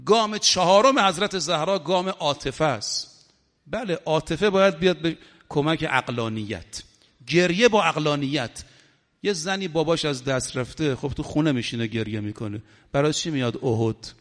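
Man preaching a sermon, fairly high voice, rhetorical and fervent, long hall reverb. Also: lively intonation, a bit bright. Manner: rhetorical, builds to fervent high-pitched peaks. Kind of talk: religious sermon with mourning recitation.

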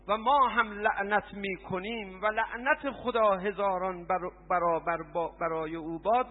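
Male preacher, impassioned and sarcastic, big hall reverb on a tinny line. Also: high-pitched. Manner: impassioned, swings from hushed to shouted; sarcastic asides. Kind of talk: mourning sermon with recitation. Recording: tinny phone-like sound, long hall reverb.

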